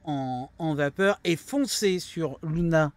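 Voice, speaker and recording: A man acting as game master, improvising narration and explaining the action in a halting way. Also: fairly high pitch, no echo.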